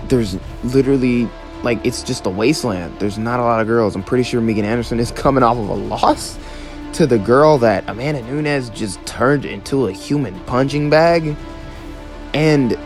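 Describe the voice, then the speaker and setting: A man hosting a casual fight-prediction talk, chatty and a bit sarcastic, with a loose, laid-back delivery. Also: mid-range voice. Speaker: MMA prediction host. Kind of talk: casual commentary.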